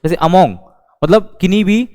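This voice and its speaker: A man's voice: sits high, normal speed, mellow. Indian man teaching with hall reverb. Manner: repeats words, mixes Hindi and English. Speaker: English teacher. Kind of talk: explanatory lecture.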